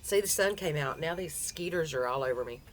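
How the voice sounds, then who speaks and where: A woman with a low voice talks in a folksy Southern US drawl, chatty and informal like a home crochet vlogger. She is recorded outside on a porch, with light outdoor noise behind her. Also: expressive, fairly quick. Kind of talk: casual, chatty vlog.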